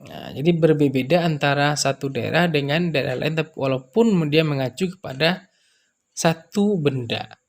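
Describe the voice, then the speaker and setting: A man teaching language terms in an unhurried lecture, repeating example words and pausing with frequent fillers. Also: fairly high pitch, creaky. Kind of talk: explanatory lecture.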